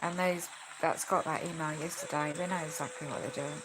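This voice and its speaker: In a casual, rambling vlog, a congested woman who is losing her voice chats with sighs and tag questions. She speaks a little fast in a low, steady voice against background noise, recorded on a phone a friend holds at home.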